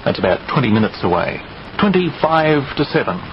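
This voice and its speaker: A man runs the early morning radio show, chatting between the time checks and flight departures. His voice swings up and down lively as he talks. It all comes out of a tinny clock radio with a loud hiss over it. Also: medium pitch, fairly quick. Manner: chatty, reading out times and flights. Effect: tinny sound, as heard through a clock radio. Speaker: radio announcer.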